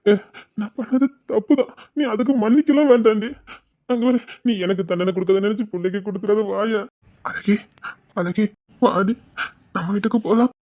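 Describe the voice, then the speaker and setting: A man with a Tirunelveli accent playing a remorseful young husband, pleading in a hushed, tearful voice. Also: high-pitched, moderate pace, pauses often, lo-fi sound, lightly acted. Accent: Tirunelveli Tamil. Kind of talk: web drama acting.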